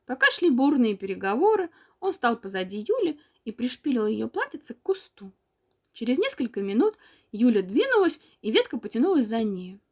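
A woman reading an old children's story aloud in a measured, expressive storytelling manner. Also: a little high. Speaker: narrator.

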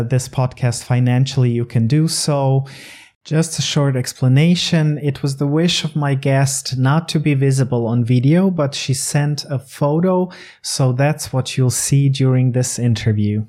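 A man's voice: medium pitch, warm tone. A man hosting a podcast, friendly as he opens the episode and introduces his guest, with a few fillers. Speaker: podcast host.

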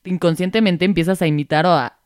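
Young Mexican woman co-host, rambly and giggly, smooth lowish voice. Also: fast, a little mellow, no echo, clean studio sound. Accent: Mexican Spanish. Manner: rambling, many fillers, giggly. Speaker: podcast co-host. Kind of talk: casual chat.

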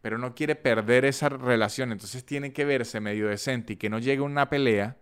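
A man with a Venezuelan Andean accent, hosting a podcast in a casual, animated monologue full of acted-out examples. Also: mid-range voice, normal speed, clear, resonant tone. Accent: Venezuelan Andean (gocho). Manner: animated, chatty storytelling with acted-out voice notes. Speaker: podcast host.

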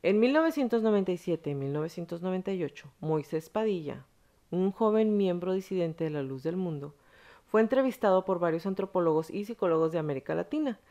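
A woman's voice: fairly low pitch, lively intonation, fairly quick, warm tone, dull audio. A woman hosting a podcast, telling a story frankly in casual, slangy conversation with blunt profanity. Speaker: podcast host.

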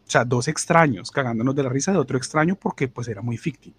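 A man's voice: mid-range voice, fast, slightly rough. A young man with a Bogotá Colombian accent, casually telling a crude, slangy story on a podcast and mimicking other people's voices. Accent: Colombian Spanish, Bogotá. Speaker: podcast co-host.

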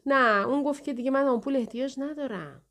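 A woman's voice: sits high, fairly bright tone, voice pushed up. A woman reading as a confused, pleading young amnesiac woman. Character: confused frail young woman with memory loss.

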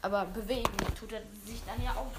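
A goofy, teasing woman playing a video game in a living room and making mock-dramatic cries. Her voice sits a little high and rings in the room. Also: steady tone, fast, heavy background noise. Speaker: gamer. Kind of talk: casual chat while gaming. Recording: roomy echo.

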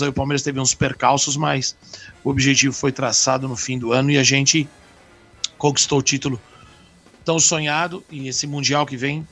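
A man's voice: medium pitch, fairly bright tone, husky. A Brazilian man co-hosting a radio show in casual, conversational chat.

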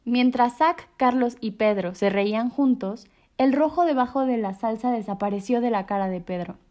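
A woman reading children's stories aloud on the radio in an expressive way. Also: fairly high pitch, normal speed. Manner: expressive, animated read-aloud. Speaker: radio storyteller.

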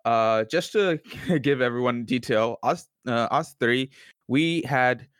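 A man's voice: mid-range voice, slow, a bit bright, clear, resonant tone, dry recording, studio quality. A nineteen-year-old man co-hosting a casual podcast, hesitant with many fillers and restarts. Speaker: podcast co-host. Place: student university, Canada.

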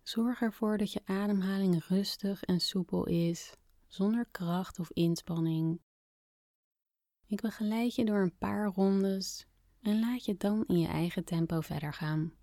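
A woman speaking softly and gently as a podcast host guiding a calming breathing exercise, with phrase endings that fade toward a whisper. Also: mid-range voice, a little slow, no room sound, clean studio sound. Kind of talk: soft, soothing guided relaxation narration.

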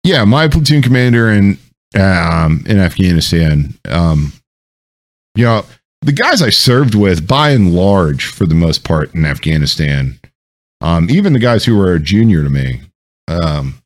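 A man's voice: low-pitched, big pitch swings, measured pace. A man telling military stories in a loose, rambling chat, with lots of ums and swearing. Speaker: podcast host. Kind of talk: casual storytelling chat.

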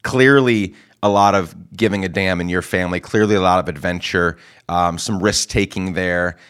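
A man's voice: low-pitched, steady tone, normal speed, fairly bright tone, clean tone. A man hosting a podcast interview, introducing his guest and asking questions in an enthusiastic, affirming way. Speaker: podcast host.

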